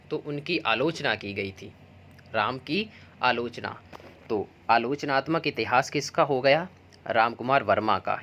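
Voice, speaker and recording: A man's voice: medium pitch, sharp tone. Man teaching a Hindi exam prep lesson. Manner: explanatory, uses mnemonics and stories.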